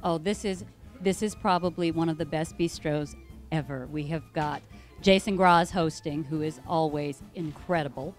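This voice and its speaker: A woman's voice: low-pitched, moderate pace. A woman producer and singer chatting casually and enthusiastically in an interview. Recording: faint music behind the interview.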